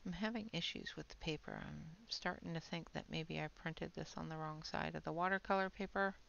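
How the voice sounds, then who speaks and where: Woman, heavy vocal fry, trailing off softly, casual hands-on review commentary, unhurried, dull lo-fi recording. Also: low-pitched, steady tone. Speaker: art supply reviewer.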